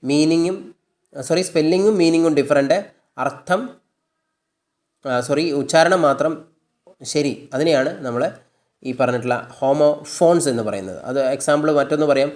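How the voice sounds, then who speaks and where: An English lesson comes from a man with a Malayali accent whose somewhat mellow voice leans high. Going slowly through word lists, he says each word again, explains it in his own language, and catches his own mistakes mid-sentence.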